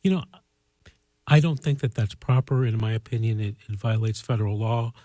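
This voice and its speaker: A man hosting a call-in show, giving earnest legal advice in a measured, conversational way. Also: lowish voice, mellow, no room sound.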